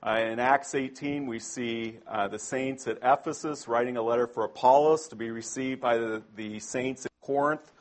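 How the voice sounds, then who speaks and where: A man's voice: medium pitch, steady tone, normal speed, few pauses. A man preaching a sermon to a congregation in a conversational way, often asking them questions.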